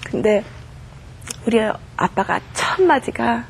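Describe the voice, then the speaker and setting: Woman guest, middle-aged, slightly high voice; earnest storytelling testimony, faint background hum. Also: lively intonation, takes it slowly, vocal fry. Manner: earnest storytelling, acts out quoted prayers and dialogue.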